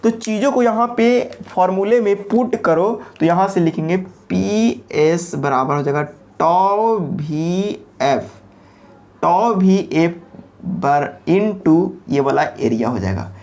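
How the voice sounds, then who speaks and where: A woman giving an engineering lecture, posing questions to the class and answering them herself, repeating key terms slowly. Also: fairly low pitch, animated, a little mellow.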